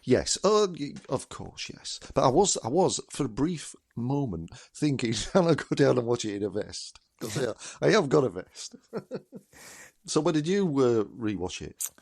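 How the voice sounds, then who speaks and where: A man's voice: mid-range voice, sing-song, moderate pace, gravelly, a little mellow, husky. A middle-aged man co-hosting a podcast, agreeable and encouraging in casual chat. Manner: agreeable, affirming. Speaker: podcast co-host.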